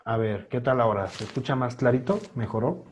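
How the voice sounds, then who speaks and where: A man teaching an online pronunciation class over a video call mic, patiently repeating words slowly for students to copy. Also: mid-range voice, a little hiss or hum. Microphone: computer microphone on a video call.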